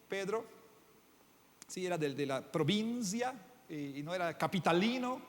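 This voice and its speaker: A man preaching a Sunday sermon, emphatic, asking the congregation rhetorical questions with some hesitant fillers. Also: sits high. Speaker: pastor. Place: church hall. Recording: long hall reverb.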